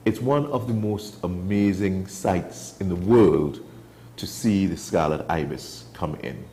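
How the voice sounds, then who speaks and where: A Trinidadian man from Trinidad and Tobago, appearing as a wildlife guest in a casual studio chat, tells stories with real enthusiasm. His voice is deep and mellow, and he speaks at a measured pace.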